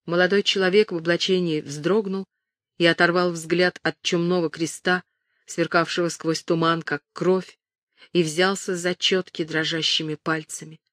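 A woman reading a historical novel aloud in steady, measured narration. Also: fairly low pitch, no echo, clean studio sound. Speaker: audiobook narrator. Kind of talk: scripted narration.

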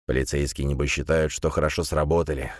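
A man voicing a gruff, blunt older man who mutters in a low voice. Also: flat delivery, fast, no echo, studio quality. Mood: grumbling.

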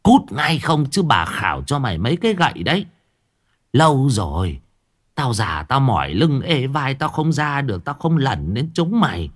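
A man's voice: medium pitch, sing-song, moderate pace. A man voicing a fierce old village grandmother who scolds sharply. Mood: scolding. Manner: scolding, gruff.

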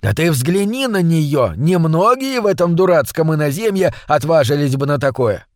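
A man's voice: fairly high pitch, very animated, moderate pace, dry recording, studio quality, voice pushed up. A man voicing a dreamy small brother who murmurs in admiration. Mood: admiring.

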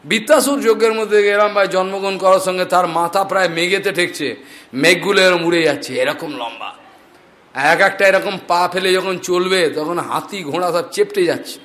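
A male preacher giving a scripture discourse, reciting Sanskrit mantras and telling animated stories. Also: high-pitched, normal speed.

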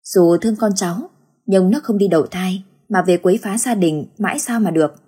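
A woman reading a ghost story aloud in an even storytelling manner. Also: mid-range voice, fairly quick, slightly rough. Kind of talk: scripted narration of a ghost story.

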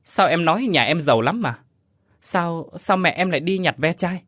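Jittery young man in a ghost story, read by the male narrator, husky and lively. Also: a little high, normal speed, no room sound, clean studio sound, voice pushed up. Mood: questioning. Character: curious young man, nervous and easily startled.

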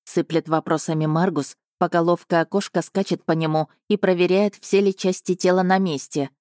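A woman narrating a fantasy audiobook in the first person, lively and expressive. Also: on the low side, normal speed, no echo, clean studio sound. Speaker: audiobook reader.

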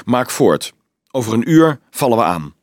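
A man voicing a gruff, barking army officer. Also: mid-range voice, big pitch swings, moderate pace, no room sound, studio quality. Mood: impatient. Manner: barking, curt, impatient.

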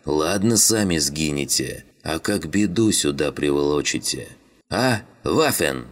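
A man voicing a gruff middle-aged train driver who lays down the law. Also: very deep voice, lively intonation, a little slow. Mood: stern. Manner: gruff, bossy, threatening.

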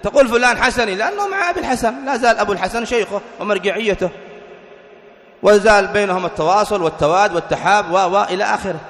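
Preacher guy, high voice, talks fast, fires questions then answers them, hall echo. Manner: animated, rhetorical questions answered himself. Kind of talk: religious lecture.

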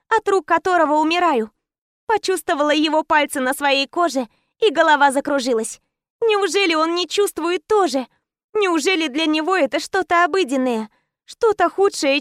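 A woman's voice: high voice, fairly bright tone, no echo, clean studio sound. A woman narrating a first-person romance audiobook in intense, clipped short phrases.

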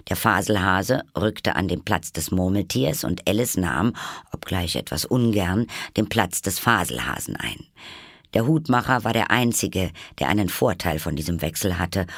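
A man narrating a classic storybook in an even, calm manner. His voice sits very low, with a gravelly, husky texture, recorded dry and close. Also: no room sound. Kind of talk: storybook reading.

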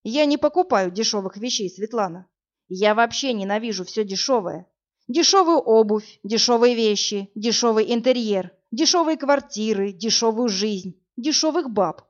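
A woman voicing a cold, pragmatic wealthy married businessman in an audiobook, speaking in a dry, calm, lecturing way. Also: on the high side, normal speed, natural voice. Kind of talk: audiobook character reading. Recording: dull lo-fi audio with faint music.

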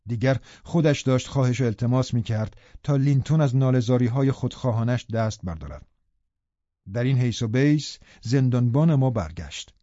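Male audiobook narrator, mellow and even, dry slightly muffled studio sound. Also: mid-range voice, no room sound. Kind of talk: scripted narration.

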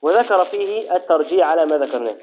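Man, law lesson, repeats phrases, high voice, thin phone-like sound. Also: expressive. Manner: repeats key phrases slowly, asks and answers own questions. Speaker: Islamic law teacher. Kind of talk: classroom fiqh lesson. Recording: tinny phone-like audio.

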